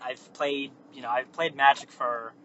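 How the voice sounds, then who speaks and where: A man's voice: medium pitch, steady tone, a little slow, a bit bright. A man hosting a casual, meandering, unscripted monologue, recorded on his phone while driving. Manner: casual, meandering, self-correcting. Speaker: host. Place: inside a car. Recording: muffled phone recording in a car with faint road noise.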